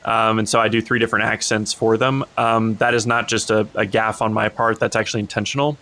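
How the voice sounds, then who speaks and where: Man, podcast regular, bright forward tone, eager and rambling. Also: on the low side, little pitch movement, fairly quick. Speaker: podcast co-host and player. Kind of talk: casual podcast chat.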